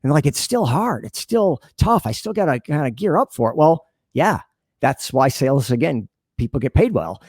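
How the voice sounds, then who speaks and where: Very animated and speaking at a normal speed, the man has a slightly rough, somewhat mellow voice pitched on the high side. As a guest on a podcast, the sales leader and consultant gives earnest, chatty interview answers peppered with imagined dialogue. There is no room sound, just clean studio audio.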